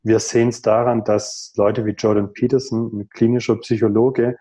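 Man in his thirties on a video call, mellow and warm, thoughtful and earnest delivery with pauses. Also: fairly low pitch, flat delivery. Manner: thoughtful, earnest, rhetorical questions, many pauses. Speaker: guest in a video call conversation. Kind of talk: reflective conversational explanation. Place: home room.

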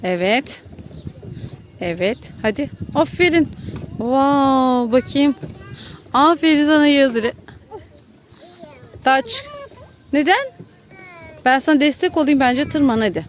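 A woman's voice: sits high, animated, measured pace, long pauses, a little hiss or hum. A Turkish-accented woman, a mother filming her small child at an outdoor playground, coaxing him along, counting and cheering in a playful way. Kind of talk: casual chat with a toddler.

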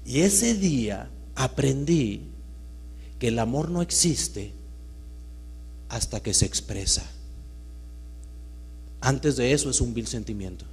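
A man giving a live talk to an audience, swinging between loud emphatic bursts and hushed storytelling. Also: medium pitch, animated, slow, creaky, pauses often. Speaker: motivational speaker. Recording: reverberant hall with mains hum.

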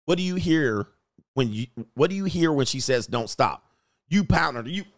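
A man's voice: a little high, animated, moderate pace. A man hosting a casual reaction show, telling jokes in slang, acting out quotes and laughing often. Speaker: commentary channel host.

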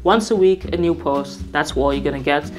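A woman's voice: low-pitched, normal speed, soft background music. A young woman talking casually to camera as a vlogger and designer, candid and rambling, often correcting herself mid-sentence. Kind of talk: casual to-camera vlog talk.

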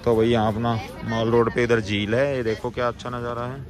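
A man's voice: medium pitch, flat delivery, a little fast, crowd noise. A man hosting a casual travel vlog, chatting outdoors by a car at night, talking to viewers and friends as he goes. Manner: chatty, keeps addressing viewers and friends as "bhai". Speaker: travel vlogger. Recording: outdoor street noise.

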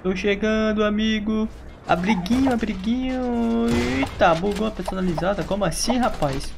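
A man with a Brazilian accent, a gaming YouTuber giving chatty, excitable gameplay commentary and laughing often. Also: high-pitched, moderate pace, creaky. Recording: noisy background.

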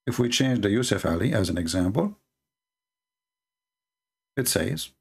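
A man whose first language is Arabic hosts a heated debate over a screen share, reading texts on screen in a mocking, combative way. His voice is lowish, gravelly and husky, with big pitch swings and an unhurried pace.

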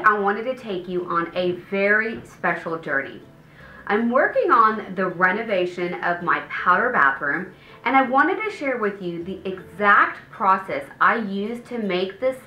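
A woman's voice: mid-range voice, lively intonation, unhurried, lo-fi sound. A woman in her thirties hosting a home design video, giving a polished, upbeat scripted presentation to camera. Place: indoor studio set with paneled wall. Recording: roomy echo, faint background music.

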